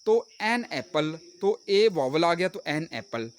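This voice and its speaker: Lively man teaching grammar. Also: a little high, unhurried, smooth. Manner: explains step by step, asking and answering his own questions. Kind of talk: grammar lesson.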